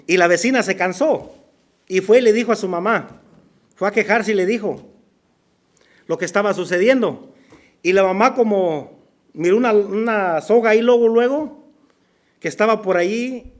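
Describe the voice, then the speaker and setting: High-voiced Spanish-speaking pastor storytelling. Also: male voice. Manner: storytelling, acts out dialogue, drops to near whisper for emphasis. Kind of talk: sermon. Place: church.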